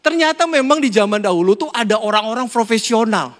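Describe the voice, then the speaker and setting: High, bright-voiced preacher. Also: male voice, a little fast. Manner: lively, conversational preaching with rhetorical questions and jokes. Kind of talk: sermon. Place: church hall during a Sunday service. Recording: long church-hall reverb.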